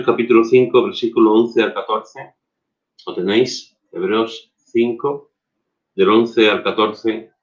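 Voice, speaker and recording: A man preaching a sermon as pastor, emphatic, repeating phrases and asking rhetorical questions. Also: fairly low pitch. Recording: dull lo-fi recording.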